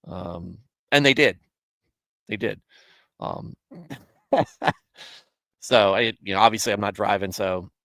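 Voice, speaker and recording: A man's voice: mid-range voice, a bit bright, no room sound. A man in his thirties hosting a casual live stream, answering viewers in a rambling, self-correcting way and chuckling often. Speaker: streamer hosting a Bible show.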